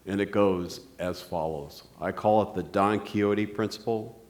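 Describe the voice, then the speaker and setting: A man's voice: on the low side, unhurried, darkish tone. A man giving a public lecture and taking questions from the audience. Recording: crowd murmur and noise in a hall.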